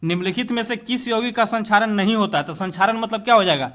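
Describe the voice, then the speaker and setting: A man with an Indian accent teaches an exam-prep lesson, reading questions aloud and explaining them directly to students. His voice sits high and a bit bright, and he slows down when reading English out.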